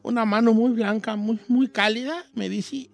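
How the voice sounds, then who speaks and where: A man's voice: high voice, fairly even intonation, normal speed, creaky, soft background music. A man voicing an old Mexican rancher with a Mexican accent, hosting a radio show and telling a rambling, self-mocking comic story. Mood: folksy storytelling.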